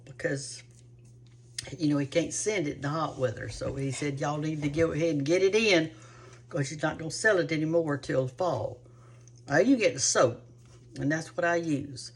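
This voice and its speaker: A woman's voice: deep voice, breathy edge. A woman hosting a cooking show, chatting to viewers in a rambling, homespun way. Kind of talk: casual chat to viewers.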